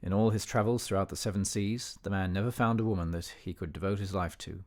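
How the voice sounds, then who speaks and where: The speaker is a man lightly acting the part of an educated, disapproving older gentleman narrating a memoir in a radio play. His low-pitched, steady voice stays formal, dignified and measured, reflective in mood.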